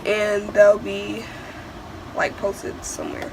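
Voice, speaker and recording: A woman's voice: mid-range voice, monotone, slow pace, gravelly, background noise. A teenage girl vlogging an unboxing in a casual, rambling way, sick and stuffed up. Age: teens. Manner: rambling, many fillers.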